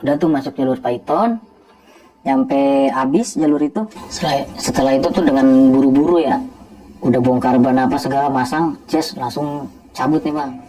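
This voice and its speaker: A man who drives trucks, telling a story casually and animatedly, with quick asides to the listener. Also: mid-range voice, warm tone, soft background music, low-quality recording.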